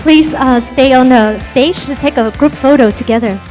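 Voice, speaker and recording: A woman's voice: sits high, normal speed, a little mellow, soft background music. A woman with a Vietnamese accent hosting a conference, upbeat and engaging the audience with questions. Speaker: event MC. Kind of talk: bilingual event hosting. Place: conference hall.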